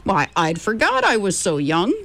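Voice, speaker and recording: A woman's voice: mid-range voice, huge pitch swings, normal speed, vocal fry, a bit bright, heavily acted. A woman reading an audiobook, voicing a talkative, eccentric male gold miner with a drawling frontier dialect. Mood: delighted. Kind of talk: audiobook character voice.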